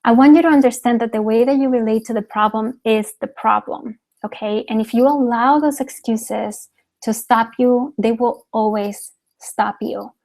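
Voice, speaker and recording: A Cuban woman, working as a business coach, gives a motivational webinar talk in a gravelly, darkish voice that sits on the high side. Her intonation stays fairly even at a moderate pace, and she repeats herself for emphasis, often tagging lines with "okay?".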